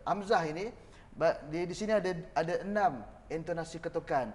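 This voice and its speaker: A man with a Malaysian Malay accent demonstrates a Quran reading class on camera, counting beats aloud and drilling students in call and response. His voice is a little high and a bit fast, with a long reverb tail.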